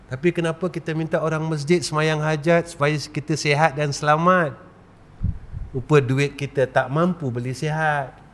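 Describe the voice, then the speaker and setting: A man preaching a religious lecture in a Malaysian Malay accent, asking rhetorical questions and leading slow chanted recitations. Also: a little high, fairly even intonation. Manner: rhetorical questions, repeated 'tuan-tuan'.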